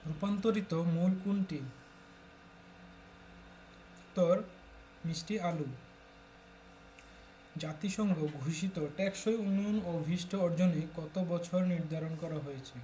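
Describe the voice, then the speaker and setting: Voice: medium pitch, slow pace, pauses often, dark tone, slight background noise. A tutor from Bangladesh steadily reading exam questions aloud and announcing each answer in turn.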